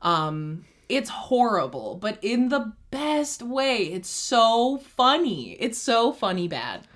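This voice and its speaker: Co-hosting a casual chat, a young woman gushes and rambles enthusiastically, leaning heavily on "like." Her voice is fairly high and a bit bright, with big pitch swings, and she speaks slowly.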